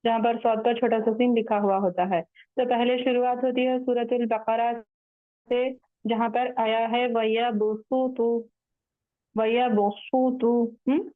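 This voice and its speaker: A woman teaching Quran recitation in an online class, patiently explaining rules step by step and chanting the verses slowly. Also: fairly high pitch, level tone, no echo, faint music behind. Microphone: online call audio. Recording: tinny phone-like line, dry.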